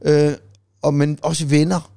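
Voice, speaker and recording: A man's voice: a little high, completely flat delivery, creaky, dark tone, no echo, studio quality. A middle-aged man co-hosting a podcast, telling anecdotes in casual chat and laughing easily, checking in with "right?". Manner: laughing storyteller, repeats "ikke?". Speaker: podcast co-host.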